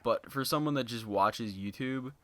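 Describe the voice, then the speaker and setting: A young man doing unscripted gaming YouTube commentary speaks at normal speed and medium pitch in a flat monotone. He rambles, filling gaps with lots of "you know"s, and his basic home mic records no echo.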